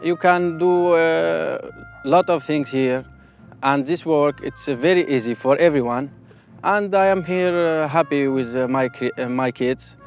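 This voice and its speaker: A man speaking in halting, simple phrases with fillers in a documentary interview. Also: fairly high pitch, lo-fi sound, soft background music.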